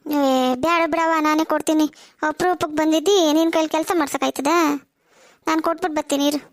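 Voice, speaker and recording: A motherly cartoon aunt, voiced by a woman fusses over her young guests in a very high, piping voice. She sounds dry and close to the mic. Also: level tone, fast talker, dry recording. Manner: fussing, hospitable. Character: chatty village aunt, motherly and fussy. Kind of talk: cartoon voice acting.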